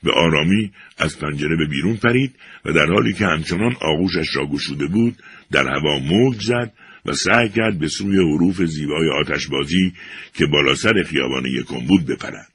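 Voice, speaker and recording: An older man narrating an audiobook in an expressive storytelling manner. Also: very deep voice, breathy edge.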